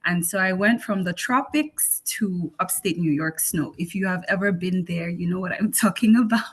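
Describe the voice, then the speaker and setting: A woman's voice: lowish voice, breathy edge. Woman physician presenting a health class. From Cameroon. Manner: warm, measured and explanatory, with frequent ums and restarts. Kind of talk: presenting an online health session.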